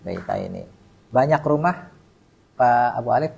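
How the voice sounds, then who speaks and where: A man's voice: mid-range voice, lively intonation, measured pace, creaky, a little mellow, rough recording. A man teaching Arabic grammar at a mosque study session, quizzing students by name and leaving words unfinished for the class to complete. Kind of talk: classroom lecture with call-and-response drilling.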